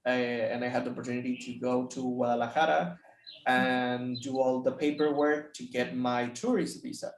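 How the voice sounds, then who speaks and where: A man's voice: medium pitch, steady tone, normal speed, reverberant, rough recording. A Mexican man with an accent, a teacher telling his story in casual chat, with many restarts and repeated words.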